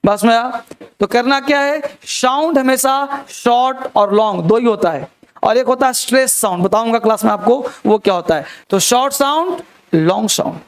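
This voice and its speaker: A man's voice: very high voice, moderate pace, clear, resonant tone. A man teaching a spelling lesson to a class, repeating key words and quizzing his students. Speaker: English teacher.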